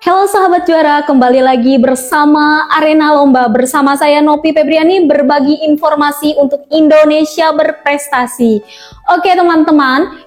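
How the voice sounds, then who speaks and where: High-voiced woman presenting a speaking tutorial. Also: darkish tone. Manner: chatty, addresses viewers as friends, frequent fillers. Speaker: presenter teaching speech delivery. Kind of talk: explanatory tutorial talk.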